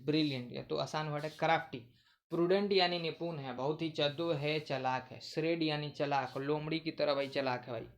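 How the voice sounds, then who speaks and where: Male tutor, casual lesson, asks and answers his own questions. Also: fairly high pitch. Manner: repetitive, asks questions then answers them. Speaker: vocabulary teacher. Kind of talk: casual Hindi vocabulary lesson.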